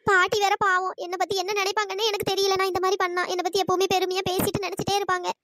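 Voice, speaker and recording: A woman's voice: very high-pitched, level tone, racing, a bit bright, no room sound. A woman voicing a tearful young woman in a cartoon story, pleading as she prepares to leave home. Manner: sobbing, pleading.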